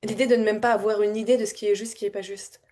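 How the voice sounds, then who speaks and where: A woman speaking as a spiritual coach in a loose, unscripted flow. She circles her thoughts, repeats words as she searches for them, and laughs softly between lines. Her voice sits at a middle pitch, heartfelt and openly emotional. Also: level tone, racing. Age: adult with a child. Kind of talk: casual spontaneous reflective talk.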